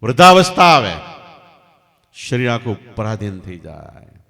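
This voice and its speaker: A man's voice: medium pitch, sing-song, a little slow. Emphatic man preaching. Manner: emphatic, rising and falling sharply in loudness. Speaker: spiritual teacher. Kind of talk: devotional storytelling sermon. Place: large hall at night satsang. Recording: long hall reverb.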